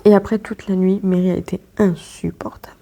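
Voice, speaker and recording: A woman's voice: mid-range voice, flat delivery, a little fast, vocal fry, warm tone, slight background noise. A woman chatting casually at home in a vlog, rambling with many fillers and restarts. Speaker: vlogger.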